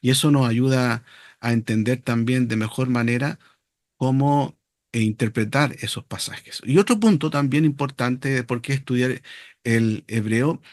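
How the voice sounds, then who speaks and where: A man's voice: mid-range voice, a little slow, no room sound, clean studio sound. A man teaching a seminary class on biblical Hebrew, speaking off the cuff, often stopping on fillers and repeating words.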